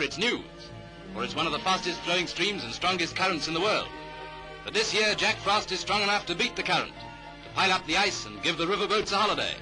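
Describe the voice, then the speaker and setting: On a rough vintage recording, a British man with a fairly high voice narrates a 1930s newsreel. His scripted lines are clipped and formal in the manner of the period, with music clearly audible in the background.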